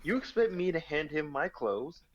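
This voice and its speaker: A man player in a tabletop game, gruff and mock-indignant. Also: a little high, sing-song, moderate pace. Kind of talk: casual tabletop play. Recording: dull lo-fi mic with hiss.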